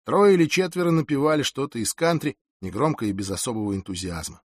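A man reading a first-person novel aloud as an audiobook narrator, in an expressive, dramatic way. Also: mid-range voice, fast, no echo, studio quality.

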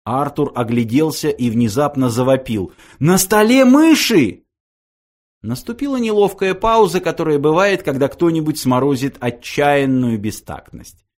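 Lively man reading a story aloud. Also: mid-range voice, normal speed. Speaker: audiobook narrator. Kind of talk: expressive audiobook narration.

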